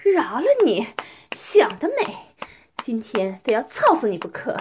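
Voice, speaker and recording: A woman playing a domineering, scornful young woman in an adult audio role-play, taunting with drawn-out questions. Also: fairly high pitch, very animated, noisy background. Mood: commanding.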